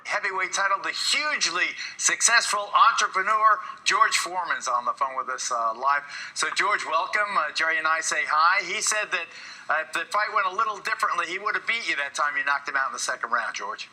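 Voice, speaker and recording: A man's voice: a little high, expressive, fairly quick, sharp tone, poor audio. A man hosting a broadcast talk show, interviewing guests and introducing segments.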